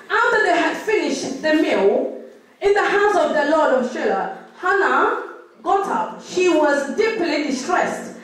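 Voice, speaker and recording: A woman reading scripture aloud in church, then interpreting a sermon line by line, quick to echo each phrase. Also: very high voice. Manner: quick, echoing each line straight after the preacher. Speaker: Bible reader and interpreter. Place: church hall. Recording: echoey church hall from far off.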